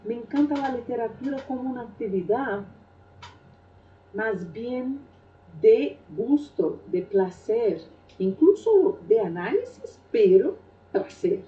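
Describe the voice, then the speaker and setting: Her life story unfolds slowly and thoughtfully, with many hesitations, told by a middle-aged Brazilian woman whose native tongue is Portuguese and whose accent is Brazilian Portuguese. She sounds a little high and expressive. The recording is dull, roomy and distant, with a little hiss or hum.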